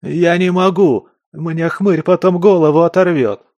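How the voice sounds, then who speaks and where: A man voicing a frightened, hoarse young backwoods dealer who pleads and squeals in panic. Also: fairly high pitch, expressive, a little slow, darkish tone, no room sound, pitched above the performer's own voice. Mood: panicked.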